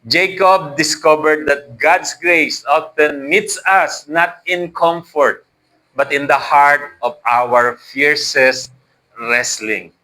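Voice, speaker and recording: A man's voice: fairly high pitch, slow pace, bright, forceful tone, poor audio. A man with a Filipino accent preaching a sermon, switching between Tagalog and English and asking the congregation for responses. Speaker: pastor.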